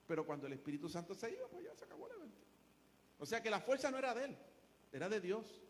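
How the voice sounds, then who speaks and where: A man with a Puerto Rican accent preaching a sermon as pastor, emphatic and building his points through repetition. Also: sits high. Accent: Puerto Rican Spanish. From Puerto Rico. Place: church sanctuary. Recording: long church hall reverb.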